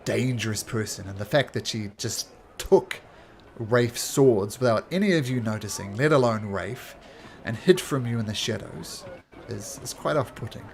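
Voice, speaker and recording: A man's voice: mid-range voice, lively intonation, normal speed, creaky, a little hiss or hum. A man improvising narration as the game master of a tabletop role-playing game.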